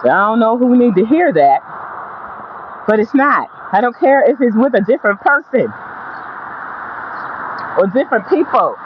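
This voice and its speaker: With a mid-range voice, big pitch swings, normal speed, and long pauses, a motivational vlogger walks and talks in a blunt, emphatic, profane monologue. Phrases are repeated to drive points home in this casual straight talk. Faint noise sits under the dull, lo-fi recording.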